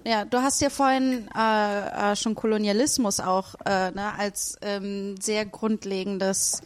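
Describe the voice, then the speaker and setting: A woman's voice: medium pitch, flat delivery, takes it slowly. A woman co-hosting a podcast who speaks thoughtfully, searching for words with many fillers. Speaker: podcast co-host. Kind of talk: casual discussion.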